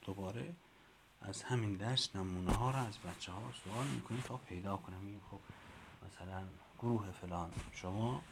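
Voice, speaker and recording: A man training teachers, patiently explaining a reading lesson and slowly repeating letters and sounds. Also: lowish voice, vocal fry, noisy background. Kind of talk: instructional talk to teachers.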